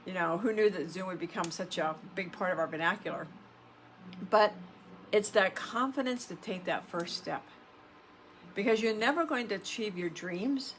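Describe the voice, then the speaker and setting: A woman's voice: mid-range voice, normal speed. Middle-aged self-help influencer woman, emphatic, noisy recording. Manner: conversational, emphatic, repeats phrases and asks rhetorical questions. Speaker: self-help podcast host and coach. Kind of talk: motivational self-help influencer talk to camera.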